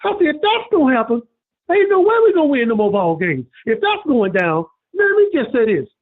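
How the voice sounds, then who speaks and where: Animated man ranting over the phone. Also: extremely high pitch, brisk, breathy edge. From Birmingham, Alabama. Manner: preachy, repetitive, animated storytelling. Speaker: caller. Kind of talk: call-in rant. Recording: tinny phone line.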